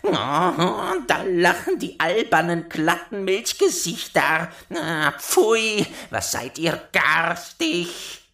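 A man's voice: high voice, sing-song, slow pace, vocal fry, few pauses, bright, forceful tone, pitched above the performer's own voice, heavily acted. Man putting on a snarling old dwarf. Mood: scolding. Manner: scolding, snarling. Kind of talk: storybook reading.

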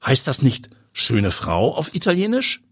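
A man's voice: mid-range voice, wildly swooping pitch, unhurried, a bit bright, breathy edge, no echo, clean studio sound, voice pushed up, heavily acted. A man voicing a curious young journalist. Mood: inquisitive. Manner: inquisitive, explaining.

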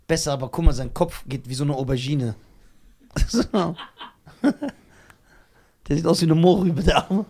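A man's voice: fairly high pitch, unhurried, pauses often, mellow. A man co-hosting a casual chat podcast, talking animatedly and often breaking into laughter. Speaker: podcast co-host and touring comedian.

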